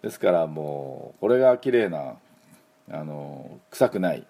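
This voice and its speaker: Man, middle-aged, low husky voice, easygoing English teacher, lots of fillers, repeat-after-me drills. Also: a little slow. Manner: relaxed, chatty, many fillers and asides; leads call-and-repeat pronunciation drills. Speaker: English teacher and show host. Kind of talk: casual spoken English lesson.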